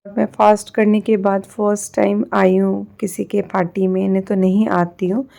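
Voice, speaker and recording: Chatty Bihari woman, gravelly low tone. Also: little pitch movement, normal speed, mellow. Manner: chatty, rambling with many fillers. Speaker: vlogger. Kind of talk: casual vlog chat.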